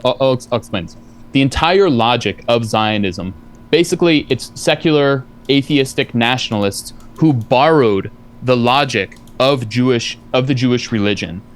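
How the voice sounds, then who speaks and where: A man's voice: mid-range voice, animated, normal speed. A man in a heated debate, talking insistently in a lecturing way and cutting in with repeated no's. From family from Eastern Europe. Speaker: debate guest.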